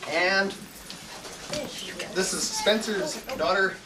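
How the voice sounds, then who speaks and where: A man's voice: high-pitched, takes it slowly. A man introducing his relatives to a home video camera, chatty and laughing between names. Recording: echoey room, far camcorder mic, crowd noise.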